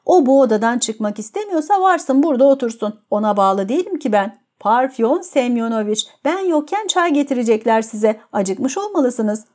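A woman's voice: fairly high pitch, expressive, normal speed, hardly any pauses, a little mellow. A woman voicing a proud, capricious young woman who mocks and scorns her suitor. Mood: scornful. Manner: mocking, scornful.

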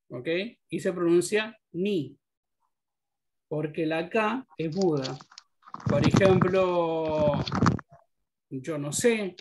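A man teaching English to a class, speaking slowly and unhurriedly. His voice has a husky edge, and he walks through each pronunciation rule with patience. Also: on the high side, darkish tone. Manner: patient, explains pronunciation rules step by step. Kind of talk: online class instruction.

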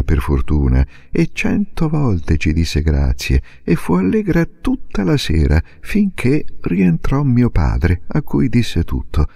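A man reading a classic novel aloud as expressive, dramatic audiobook narration, with a gravelly, husky voice. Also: low-pitched, no room sound, clean studio sound. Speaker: audiobook reader.

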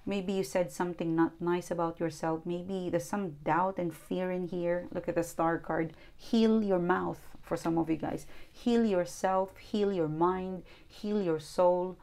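Seated at a table indoors, a non-native English speaker from outside New Zealand gives an earnest tarot reading, coaching her listener while repeating and restarting often. Her voice is on the low side and mellow, a little slow, with fairly even intonation and hardly any pauses.

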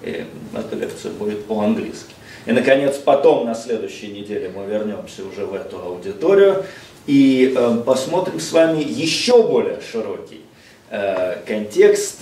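Captured by a room mic across the space, with echo and faint hiss, a middle-aged Russian-speaking visiting lecturer talks from a table in a seminar room. His voice is on the low side, mellow, and touched with vocal fry. He lectures in a measured way, pausing often and mixing in English phrases.

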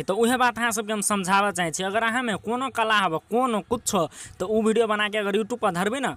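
A young man with a Maithili accent giving casual, rambling, encouraging advice to viewers, with lots of filler words, filmed by his brother in a quiet spot. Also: high-pitched. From Nepal. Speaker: YouTube tips vlogger. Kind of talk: casual motivational talk to camera.

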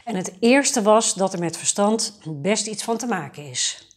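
A woman voicing a dim-witted eldest prince in a storybook tale, speaking in a solemn, deliberate way. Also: medium pitch, lively intonation.

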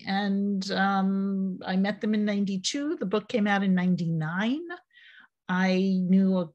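An older woman, an author and former journalist, speaking on a video call from a home office in a slow, thoughtful way with many pauses. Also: mid-range voice, a little mellow, lo-fi sound. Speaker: author and panel guest. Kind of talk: panel discussion on a video call. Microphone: video call webcam.

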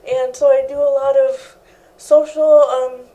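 A woman's voice: sits high, level tone, unhurried, warm tone, rough recording. A young woman guest in an interview, talking earnestly and steadily about her own life in a living room set, on a lapel mic. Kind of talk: interview answers.

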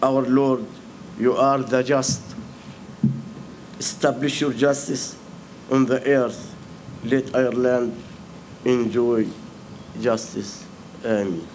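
A man's voice: medium pitch, fairly even intonation, takes it slowly, long pauses, darkish tone, poor audio. An older man, a cleric, giving a formal public prayer outdoors in short, solemn, separated phrases. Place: outdoor memorial ceremony. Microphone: stand microphones. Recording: faint outdoor ambient noise.

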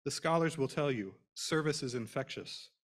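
A man delivers a prepared introduction from a podium in an auditorium. His pitch sits in the middle, and his delivery is formal and measured, with phrases that trail off at the ends. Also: expressive. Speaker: program director introducing scholars. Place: auditorium stage. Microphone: podium microphone.

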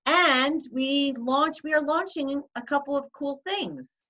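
Co-host, woman, bubbly and effusive, slightly high voice, dull lo-fi recording. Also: a little slow, sharp tone. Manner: bubbly, effusive, laughs often. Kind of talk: casual chat.

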